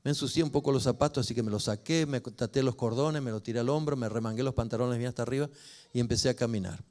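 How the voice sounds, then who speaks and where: An older man speaks, a pastor and family counselor sharing his own story from the pulpit. His voice sits in an ordinary middle pitch and swells and drops as the story moves. The telling is warm in pace and expressive throughout. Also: fast. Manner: storytelling, expressive, rises and falls with emotion. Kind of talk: personal testimony sermon.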